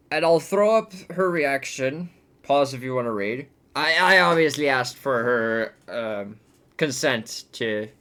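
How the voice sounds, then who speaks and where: A man talks through a bad movie at an unhurried, drawn-out pace, cursing constantly. His voice jumps up into loud disbelief, then sinks into weary grumbling. It is an exasperated, profane rant in the style of online commentary. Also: mid-range voice. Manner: profane, exasperated, with swings between outbursts and mutters. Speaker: movie reviewer.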